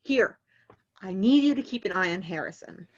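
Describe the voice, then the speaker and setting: A woman reading the part of a calm male therapist who speaks in a patient, reassuring way. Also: mid-range voice, normal speed, natural voice. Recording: dull lo-fi audio.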